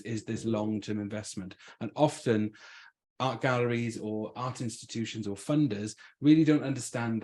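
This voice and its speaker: A man with a Swansea accent from South Wales speaks at a medium pitch. He gives an informal talk to the public in a conversational way, thinking aloud as he goes. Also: dark tone. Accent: Swansea Welsh. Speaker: invited speaker, arts practitioner.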